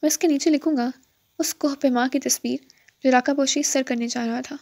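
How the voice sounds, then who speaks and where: A woman's voice: sits high, steady tone, a little mellow. A woman voicing a tall, charming foreign male mountain climber with a playful, dryly teasing manner, in an audiobook.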